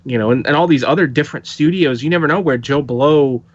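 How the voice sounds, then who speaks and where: A man's voice: fairly high pitch, fast talker, slight background noise. Opinionated man on a dull, dry podcast mic. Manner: emphatic, opinionated, many fillers. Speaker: podcast guest. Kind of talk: casual chat.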